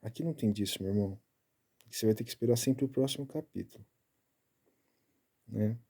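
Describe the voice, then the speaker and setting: Guy teaching scripture casually, dark warm tone, walks you through it bit by bit. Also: fairly low pitch, brisk, slightly rough. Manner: chatty, keeps tagging lines with "né?"; explaining Hebrew letters and pronunciation step by step. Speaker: Bible study teacher. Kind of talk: casual Bible study talk.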